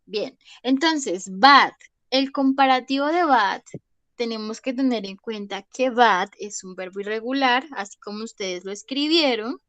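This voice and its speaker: Young teacher, higher voice, dry close mic, patient, keeps checking in. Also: female voice, measured pace, fairly bright tone, no echo. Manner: patient, repeats "¿listo?" to check understanding. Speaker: English teacher. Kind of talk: online class lesson.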